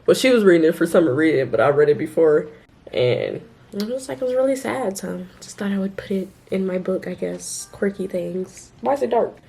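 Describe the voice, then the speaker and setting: A woman's voice: lowish voice, expressive, moderate pace, gravelly, mellow. A young woman reading her old teenage story aloud and joking about it in playful, amused asides. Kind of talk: casual read-aloud with commentary.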